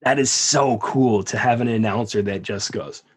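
A man's voice: fairly low pitch, normal speed, slightly rough. A man co-hosting a podcast, chatting casually and enthusiastically about wrestling. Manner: enthusiastic, rambling with restarts. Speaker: podcast co-host.

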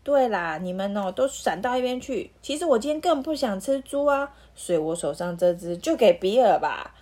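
A woman voicing an excitable male wolf who takes charge, talking in a brisk, emphatic way. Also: medium pitch, natural voice. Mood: bossy.

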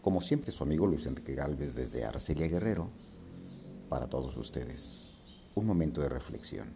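Guy doing a morning reflection, preachy but gentle, really deep voice. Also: animated, normal speed, vocal fry, background noise. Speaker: host of a daily reflection. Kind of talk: motivational reflection.

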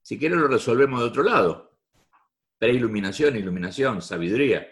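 A man's voice: mid-range voice, expressive, brisk. A man with a Rioplatense Spanish accent giving a repetitive, emphatic talk to a live audience. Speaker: motivational speaker.

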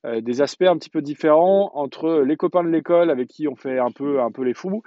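A man in his thirties or forties telling a personal story in a casual podcast monologue, halting often on fillers and restarts. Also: on the high side, dry recording, dull audio. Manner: hesitant, chatty storytelling with many fillers and restarts.

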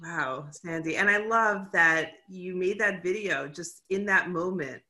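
Woman host, casual chat, bright forceful voice, encouraging, reflective. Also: lowish voice, a little slow.

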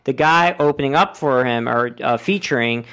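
A man's voice: medium pitch, moderate pace, fairly bright tone, clean tone. A young adult man, a guest comedian on a casual podcast, telling stories animatedly with lots of fillers and swearing. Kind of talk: casual podcast chat, storytelling.

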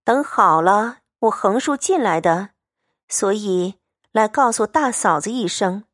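A woman reading the part of a composed, tactful young noblewoman who explains herself calmly in a storybook reading. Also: medium pitch, unhurried, no room sound, studio quality.

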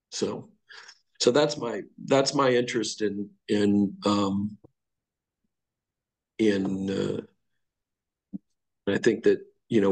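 A middle-aged fire lieutenant appears as a podcast guest, explaining ideas bluntly, casually, and with profanity. His lowish voice is gravelly and slightly rough, and the recording quality is poor.

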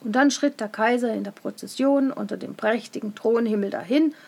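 A woman reading a fairy tale aloud in an expressive storytelling manner. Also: a little high, fairly quick, vocal fry.

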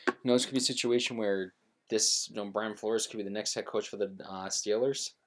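A man's voice: lowish voice, fairly even intonation, fairly quick, a little hiss or hum. A man co-hosting a casual sports talk show, reading football news aloud with frequent ums and restarts. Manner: reads news with many fillers and restarts.

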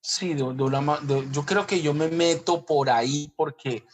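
Man with a Colombian Caribbean Spanish accent. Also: a little high. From Caribbean coast of Colombia. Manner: halting, often repeating and rephrasing. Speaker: author being interviewed. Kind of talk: reflective interview talk.

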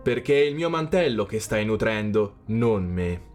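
A man voicing a wise king in a storybook reading, calm and measured. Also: on the low side, soft background music, natural voice.

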